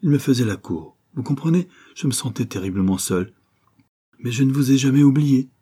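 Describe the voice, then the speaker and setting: A man's voice: mid-range voice, expressive, a little fast, slightly rough, pitched above the performer's own voice. A man voicing a devoted, lonely young working-class woman in a storybook reading. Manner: impatient, then soft and wistful.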